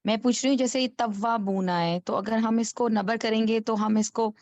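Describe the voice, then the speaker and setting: A woman's voice: a little high, steady tone, darkish tone, no room sound. Hesitant woman student on a muffled call. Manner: hesitant questioning with pauses and restarts.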